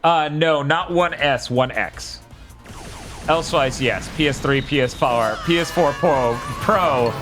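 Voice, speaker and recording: A man's voice: fairly high pitch, slow pace, fairly bright tone. A man casually commentating his gameplay with joking, playful asides. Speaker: streamer. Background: game music.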